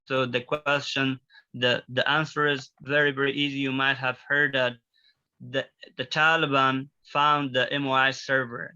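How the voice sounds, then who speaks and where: A young man from Afghanistan giving an earnest, halting personal testimony on a video call. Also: mid-range voice, pushed and bright. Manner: earnest, halting, searching for words. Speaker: student speaker at a community briefing. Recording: dull lo-fi video call audio.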